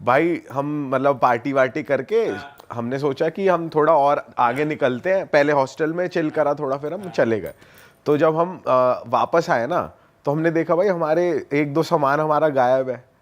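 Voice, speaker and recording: A man's voice: on the high side, normal speed, muffled recording. A man in a casual podcast chat, joking as he shares his own travel anecdote.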